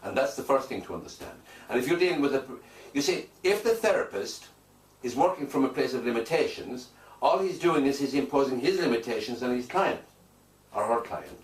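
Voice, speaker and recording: This is a medium-pitched male voice with lively intonation, moving a little fast. A hypnotherapist being interviewed, he answers in an emphatic, declarative manner and repeats phrases for weight. Faint noise, echo, and a distant microphone mark the recording.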